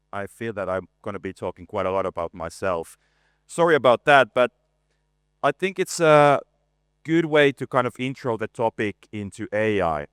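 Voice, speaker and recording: A man in his forties giving a conference presentation, relaxed and self-deprecating, with frequent hesitations and a voice worn from talking a lot. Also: medium pitch, smooth, no echo, clean studio sound. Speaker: conference speaker, art director. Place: conference stage.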